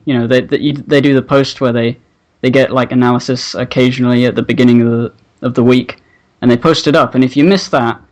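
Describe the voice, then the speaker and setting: A mild, soft-spoken man guests on a casual podcast, hesitant and low-key. His voice sits in the middle of the range and comes through a dull, lo-fi connection. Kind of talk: casual chat.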